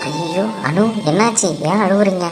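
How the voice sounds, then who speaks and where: A woman voicing a gentle young cartoon husband. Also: deep voice, steady tone, fairly quick, natural voice. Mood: concerned. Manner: gentle, comforting. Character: kind, reassuring young husband. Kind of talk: cartoon voice acting. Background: music.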